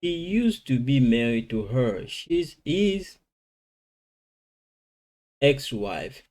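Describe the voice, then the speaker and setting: Man slowly drilling English vocabulary. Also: medium pitch, sing-song, darkish tone. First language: Lingala. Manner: switches between languages, slow drilling of English words. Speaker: language teacher. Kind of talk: informal vocabulary lesson.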